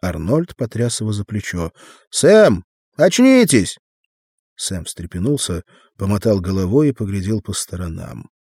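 Low-voiced man narrating an audiobook. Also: normal speed, vocal fry, warm tone, slightly rough, no room sound, clean studio sound. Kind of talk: scripted literary narration.

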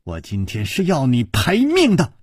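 A man voicing a shrill, furious, grieving middle-aged mother who hurls sharp accusations in a storybook reading. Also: fairly even intonation, slow pace, husky, no echo, studio quality, heavily acted. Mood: furious, accusing.

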